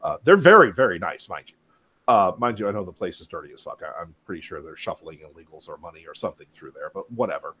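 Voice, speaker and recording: A man's voice: deep voice, expressive, quick pace, fairly bright tone, husky. A man hosting a casual chat, telling rambling stories and swearing freely. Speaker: host.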